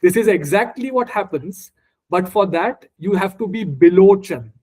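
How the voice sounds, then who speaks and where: A man from India, a first-language Marathi speaker with an Indian accent, leads an informal scripture session, explaining word by word and inviting questions. His high-sitting voice is animated, husky, and darkish in tone, delivered at a normal speed.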